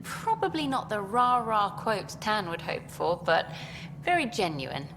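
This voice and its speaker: A chirpy female journalist in a video game, her pitch bouncing up and down as she fires off questions. The sound carries a long hall reverb over a clear hiss of noise. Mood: bright, eager. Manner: brisk, lively, interviewing. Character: upbeat female documentary journalist, chatty.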